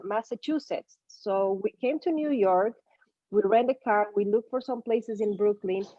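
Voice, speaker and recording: A woman's voice: a little high, no room sound, lo-fi sound. A middle-aged woman from Ecuador, a native Spanish speaker, telling her career story as an interview guest in an easygoing way with some non-native grammar. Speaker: guest, marketing business owner.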